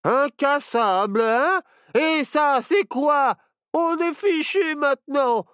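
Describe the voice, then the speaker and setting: A woman voicing an anxious, sharp-tongued young boy in a storybook, worried and snappy. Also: on the high side, moderate pace, no room sound, studio quality, lightly acted.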